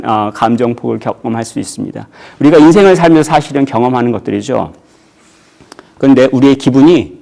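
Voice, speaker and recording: A man's voice: mid-range voice, vocal fry, mellow. A man preaching a sermon as pastor in a church, asking the congregation rhetorical questions and raising his voice sharply when he acts out quotes.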